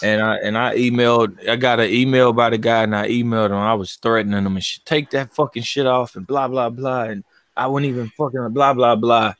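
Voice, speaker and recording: A man in casual chat about a fight, loud in his opinions and liberal with his swearing. His voice jumps upward when he gets heated. The sound is dry and close to the mic, with no room around it. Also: brisk, dry recording. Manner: animated, profane, jumps up in pitch when excited. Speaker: boxing livestream co-host.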